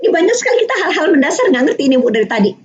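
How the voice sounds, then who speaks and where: Lively older woman parenting teacher. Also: sits high, rapid-fire. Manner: lively, quizzing the audience with tag questions. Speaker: parenting speaker. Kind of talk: interactive webinar teaching. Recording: dull online webinar audio.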